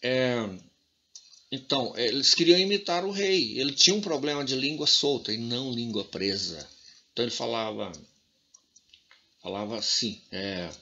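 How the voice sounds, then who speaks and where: A man with a Brazilian Portuguese accent giving a casual spoken language lesson, rambling with many fillers and slowly acting out pronunciations. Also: mid-range voice, pushed and bright. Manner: demonstrates pronunciation slowly and with emphasis. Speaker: language teacher. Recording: dull lo-fi recording with faint noise and clicks.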